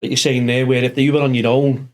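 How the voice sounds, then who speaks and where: A man's voice: mid-range voice, level tone, fast, darkish tone. A man with a northern English accent chatting casually as a podcast host, in a rambling, matey, sweary way. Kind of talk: casual chat, telling anecdotes.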